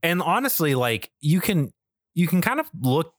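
Talking video games and media, this male podcast co-host is casual, emphatic, and a little profane, leaning on slang. His voice is fairly high and sing-song at a moderate pace, captured with studio quality and no room sound.

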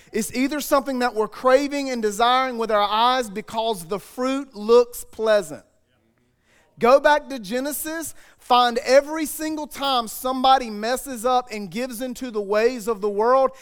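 A man's voice: very high-pitched, clean tone. A male pastor preaching a sermon in a conversational, joking way with asides to the congregation.

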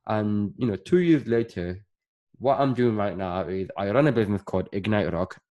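Male podcast guest, 30s, from Northern Ireland; lowish voice, loose rambling delivery full of fillers. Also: moderate pace, warm tone, lo-fi sound. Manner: chatty, rambling with many fillers. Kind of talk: casual interview chat.

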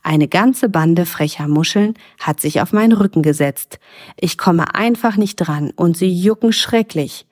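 A woman's voice: fairly low pitch, unhurried, darkish tone. A woman voicing a friendly, playful male dolphin in a storybook.

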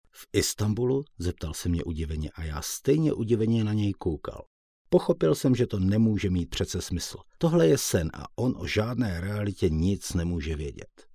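A man reading a first-person audiobook in a calm, reflective storytelling manner. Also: low voice, husky, dry recording, clean studio sound. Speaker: audiobook reader.

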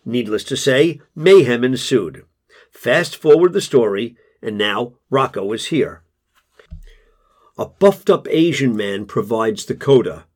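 A man narrating a first-person story in a wry, deadpan way. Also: mid-range voice, unhurried.

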